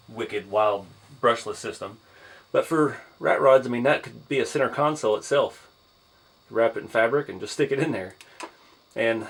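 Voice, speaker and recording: A tired man who is losing his voice, hosting a casual one-take haul vlog in an easygoing, rambling way with frequent pauses and "uh"s. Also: medium pitch, fairly bright tone. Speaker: hobby channel host.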